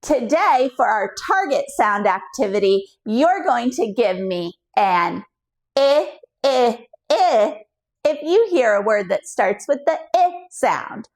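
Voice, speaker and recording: A woman teaching a children's reading lesson, slow and clear, in a sing-song teaching way. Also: on the high side, big pitch swings. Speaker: literacy coach.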